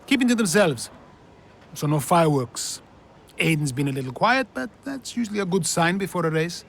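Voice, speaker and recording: An eager, slightly flustered team principal in a racing game,. His voice sits a little high, with a faint hiss underneath. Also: animated, moderate pace, gravelly, a bit bright, heavily acted.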